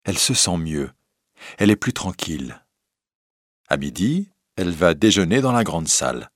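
A man narrating a fairy tale in a slow, clear, measured reading. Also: sits low, very animated, no echo, clean studio sound. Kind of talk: storybook reading.

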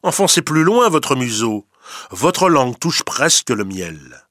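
A man's voice: very animated, takes it slowly, a bit bright, dry recording, studio quality. A man voicing a sly, scheming male fox in a storybook reading, with a honeyed, mocking manner. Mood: coaxing. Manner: honeyed, mocking, sometimes hissing low.

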